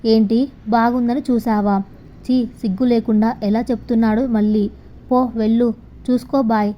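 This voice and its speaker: A woman's voice: on the high side, level tone, normal speed, natural voice. A woman voicing a hurt, jealous young woman who answers curtly, on a dull lo-fi recording. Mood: irritated. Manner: curt, irritated.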